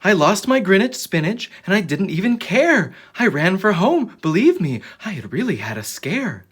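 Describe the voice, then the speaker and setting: Reading a storybook aloud to children, this speaker has a husky, slightly rough voice. The delivery is dramatic and very animated, with pitch rising and falling widely, at a normal speed.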